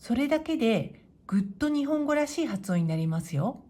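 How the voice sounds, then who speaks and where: A woman teaching Japanese to beginners in a clear, patient way, modeling pronunciation slowly and encouraging learners. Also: fairly high pitch, very animated, heavy background noise. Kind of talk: slow, clear explanatory lesson.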